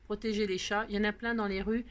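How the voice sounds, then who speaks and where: A woman's voice: medium pitch, little pitch movement, quick pace. A middle-aged woman chatting casually through a crafting tutorial, talking to herself and her viewers as she works. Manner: chatty, talks to herself and viewers, many fillers.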